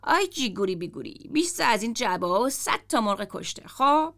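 A woman's voice: fairly high pitch, very animated, a bit bright. A woman reading the lines of a bossy, sly male warehouse boss in a story.

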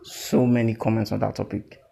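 A Nigerian-accented man hosting a podcast, chatting informally and playfully with animated teasing and Pidgin slang. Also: on the low side, a little fast, vocal fry, breathy edge. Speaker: podcast host.

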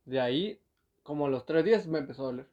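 A young man telling a story in casual chat, laughing often and ending lines with a quick tag. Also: a little high, lively intonation, a little mellow, highs cut off.

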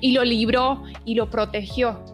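Woman with a high voice reading bible verses and explaining them, slow with little restarts, soft music behind. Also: steady tone. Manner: reads slowly with small stumbles and restarts. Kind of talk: Bible teaching chat, reading scripture aloud.

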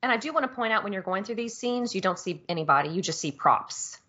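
A woman co-hosting a casual podcast, lively, describing game scenes and laughing easily. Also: medium pitch, fast. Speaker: podcast co-host. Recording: dull lo-fi audio.

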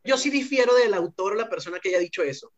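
A man, a teacher hosting a podcast, speaking reflectively and haltingly with restarts. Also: high-pitched, lively intonation, a loud crowd. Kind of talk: casual conversation. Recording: dull lo-fi audio.

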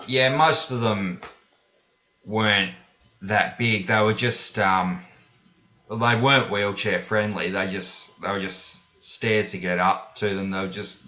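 A low-pitched Australian man talks casually as an interview guest, using plain everyday phrasing. His voice comes through a dull, roomy recording. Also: fairly even intonation, slow, bright, forceful tone. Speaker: podcast guest. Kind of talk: casual conversation.

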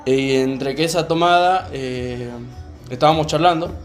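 Young guy w rioplatense accent, bit high voice, chill and slow, lots of ehs, faint music behind. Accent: Rioplatense Spanish. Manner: calm, unhurried, many fillers. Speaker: podcast co-host. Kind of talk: casual storytelling chat.

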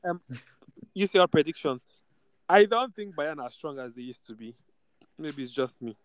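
A man's voice: on the high side, lively intonation, normal speed, clean tone, poor audio. A man giving his views in a casual sports chat as one of a panel. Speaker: football podcast panelist.

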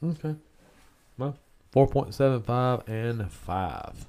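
A man with a smoker's rasp, bantering casually as a podcast co-host. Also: medium pitch, lively intonation, slow pace, darkish tone. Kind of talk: casual beer-review banter.

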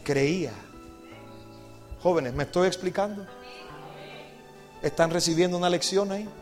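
A man's voice: high voice, measured pace, darkish tone, faint music behind. A male pastor preaching an evangelistic sermon, telling the story dramatically and putting questions to the congregation. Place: church service with congregation.

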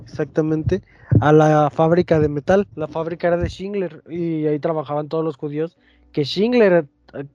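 A man's voice: a little high, fairly even intonation, normal speed, mellow, no echo, muffled recording. A young Mexican man telling a story in casual, slangy chat, acting out the voices as he goes.

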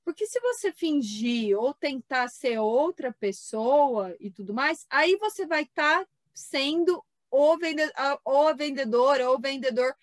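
Brazilian woman podcast co-host, high and lively, close dry mic. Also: measured pace, few pauses, no room sound. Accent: Brazilian Portuguese. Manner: lively, acts out quotes of artisans. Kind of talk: casual podcast chat.

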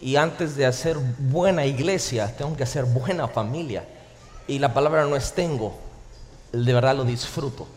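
A man preaching a sermon as pastor, animated and full of jokes, in a church hall. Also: mid-range voice, moderate pace. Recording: reverberant hall, faint ambience.

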